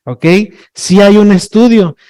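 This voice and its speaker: High-voiced man teaching a workshop. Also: slow pace, mellow. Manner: chatty, checks in with tag questions, jokes with the audience. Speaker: sign language trainer. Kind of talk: workshop lecture.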